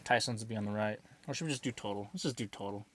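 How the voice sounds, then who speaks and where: A man hosting a casual fishing vlog, talking in excitable bro slang. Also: on the low side, racing, a little hiss or hum. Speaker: host of an outdoor fishing channel. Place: outdoors in a snowstorm, later inside an ice fishing tent.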